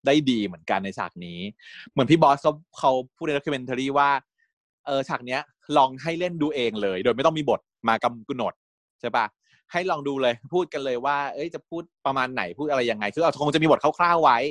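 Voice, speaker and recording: Man, podcast co-host, casual chat, animated, frequent laughs, dry room. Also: medium pitch, a little fast, no echo. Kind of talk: casual chat reviewing a TV series.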